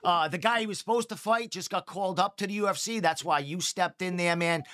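A man hosting a podcast, asking long, halting questions full of restarts. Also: high voice, fairly bright tone. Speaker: podcast host. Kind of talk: casual interview.

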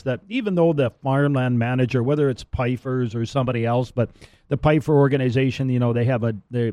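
A middle-aged male radio host talks in a relaxed, rambling way, often restarting and doubling back on his words. His voice is warm and dark, and the recording is dry and close with no room sound. His delivery is loose and conversational. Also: medium pitch, dry recording. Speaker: radio show host and land auctioneer. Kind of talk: casual radio talk.

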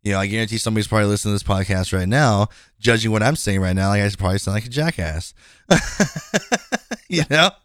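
Fast and a bit bright, with a voice on the low side, this twenty-something man hosts a casual podcast, rambling frankly and filling his speech with fillers and restarts. The sound is dry and studio quality.

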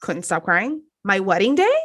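A young woman co-hosting a casual chat, talking in a chatty, animated way full of "like" and quoted asides. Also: medium pitch, moderate pace, slightly rough. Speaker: podcast co-host. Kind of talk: casual chat recapping a reality show.

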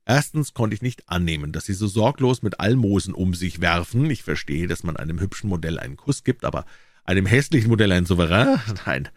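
Man doing a worldly painter, droll, mocking, lowish voice, dry sound. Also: expressive, a little fast, no echo. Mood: amused. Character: male painter, worldly, amused, teasing.

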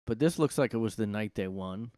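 A man hosting a solo podcast from his room, talking in a rambling, profane way with sudden loud outbursts. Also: lowish voice, brisk, dry recording, studio quality. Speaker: podcast host. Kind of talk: casual solo monologue.

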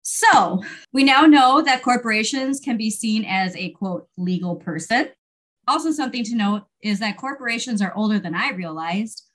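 Casting: female podcast co-host, standard American accent, voice a little high, casual delivery that also handles quoted reading. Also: animated, moderate pace, fairly bright tone. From United States.

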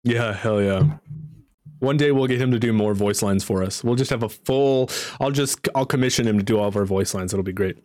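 A man running a livestreamed tabletop game as game master, with excitable, profanity-laced banter. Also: fairly low pitch, fairly quick. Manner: excitable, swearing, laughing banter.

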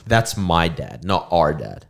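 Low-voiced, lively young man chatting. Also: slow pace, gravelly. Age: young adult. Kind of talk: casual anecdotal chat.

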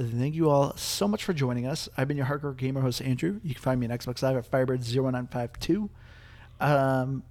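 A young man hosting a casual gaming podcast, chatty and quick to laugh, with plenty of filler words. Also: medium pitch, a little mellow. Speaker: podcast host.

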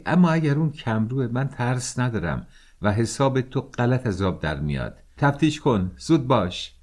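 A man voicing a frantic, indignant woman who shouts and scolds as she defends a girl. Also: mid-range voice, lively intonation, slightly rough, voice pushed up. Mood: furious, shrill.

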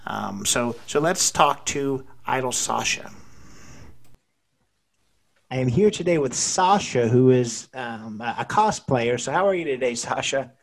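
A man's voice: mid-range voice, expressive, unhurried, creaky. A man hosting a casual interview podcast, often stumbling over and restarting his words. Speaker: podcast host.

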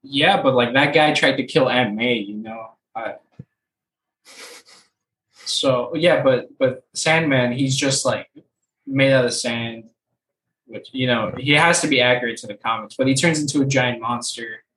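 A man's voice: medium pitch, unhurried, a bit bright, echoey room, a little hiss or hum, low-quality recording. A young man co-hosting a casual movie chat, rambling and opinionated with lots of fillers. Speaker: podcast co-host.

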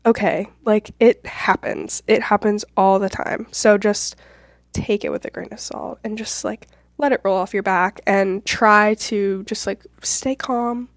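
A woman hosts a solo advice podcast in a stuffy, nasal voice at a medium pitch. She talks informally and a little ramblingly, reassuring her listeners as she goes. The sound is close and dry, with no room echo. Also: steady tone, measured pace. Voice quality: nasal, congested voice. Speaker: podcast host; realtor.

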